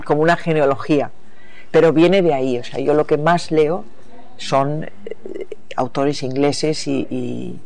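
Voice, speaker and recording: A woman's voice: sits low, fairly even intonation, measured pace, gravelly, a little mellow. Novelist guest, woman from the US, reflective and searching, restarts her thoughts mid-sentence. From United States. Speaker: novelist being interviewed. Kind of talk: reflective interview talk.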